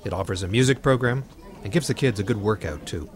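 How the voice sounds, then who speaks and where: A man's voice: on the low side, quick pace, slight background noise, rough recording. A man narrating an education documentary and putting pointed questions to interviewees.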